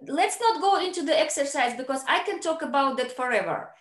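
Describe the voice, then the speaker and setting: A woman's voice: high voice, expressive, a little fast, a bit bright. Chatty woman host on a video call. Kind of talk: casual online interview. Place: home room, video call. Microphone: laptop mic on video call. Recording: roomy echo.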